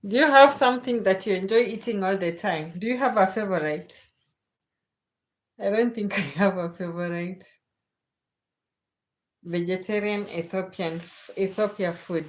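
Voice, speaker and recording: With a mid-range voice and a slightly slow pace, this Kenyan livestream host chats casually with viewers late at night. She takes her time reading their comments and laughs often.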